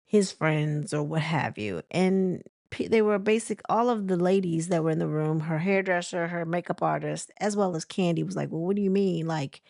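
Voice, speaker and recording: A woman's voice: fairly low pitch, normal speed, vocal fry, few pauses, a little mellow, dry recording, clean studio sound. A woman chatting casually about celebrity gossip, rambling with lots of fillers and restarts. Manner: chatty and conversational. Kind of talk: casual commentary.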